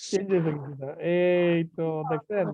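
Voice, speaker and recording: A man teaching an IELTS class live online, lively and teasing, mixing English terms into casual speech. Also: sits high, moderate pace, no room sound. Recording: tinny phone-like online call, dry.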